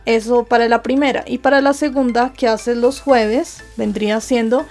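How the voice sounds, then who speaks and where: A woman teacher with a high voice and a gravelly edge explains grammar step by step. She poses questions to her students and answers them herself. Soft music plays faintly behind her. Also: fairly even intonation, moderate pace. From Colombia. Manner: patient, asks rhetorical questions and answers them. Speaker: Japanese teacher. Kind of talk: explaining grammar lesson over slides.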